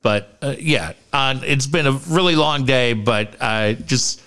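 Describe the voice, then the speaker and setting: A man's voice: medium pitch, slow, fairly bright tone, clear, resonant tone. A man co-hosting a casual sports talk show, sounding stuffed up from nose packing, rambling and slangy with some swearing.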